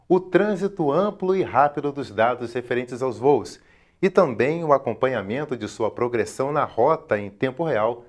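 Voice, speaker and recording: A man with a Brazilian accent and a medium-pitched voice reads scripted educational documentary narration, formal, measured and carefully enunciated.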